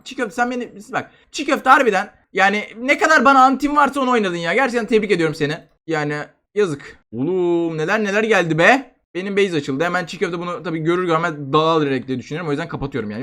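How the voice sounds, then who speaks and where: Young male gaming YouTuber, rapid bright excitable commentary. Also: sits high. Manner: fast, excitable, shouting and groaning at the game.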